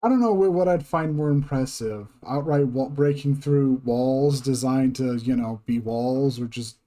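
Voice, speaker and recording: A man's voice: mid-range voice, a little slow, mellow. A man streaming a video game, making wry, offhand remarks that trail off. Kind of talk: casual let's-play commentary.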